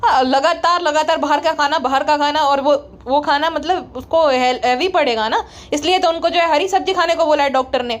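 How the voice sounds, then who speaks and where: A woman giving sarcastic, mocking roast commentary and scolding the people she talks about. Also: high-pitched. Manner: mocking, scolding, rapid-fire. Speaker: roast vlogger.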